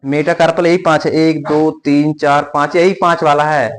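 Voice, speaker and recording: A man's voice: fairly high pitch, level tone, moderate pace. A male coaching teacher drilling a class with call and response, strict and scolding as he makes the students repeat. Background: class of children answering in chorus.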